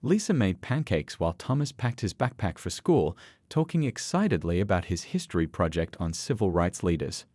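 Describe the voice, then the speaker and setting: A man narrating a scripted story in a measured, expressive way. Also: deep voice, no echo.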